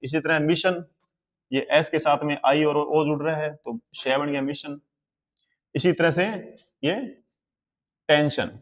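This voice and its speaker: Guy teaching a lesson, spells stuff out letter by letter, slowish and careful, kinda high voice. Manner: slow, deliberate, spells words letter by letter. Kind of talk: classroom-style language lesson.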